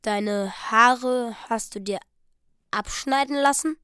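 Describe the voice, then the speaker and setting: A woman reading the part of a young husband, speaking slowly, haltingly and earnestly. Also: fairly high pitch, fairly even intonation, a bit bright, clear, resonant tone, dry recording, clean studio sound. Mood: stunned. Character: young husband, stunned and slow-spoken.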